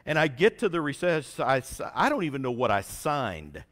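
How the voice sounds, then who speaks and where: A man's voice: medium pitch, a little fast. A man, a pastor telling a self-mocking story in his sermon. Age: 40s. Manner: animated, self-mocking storyteller with a folksy drawl. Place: church sanctuary.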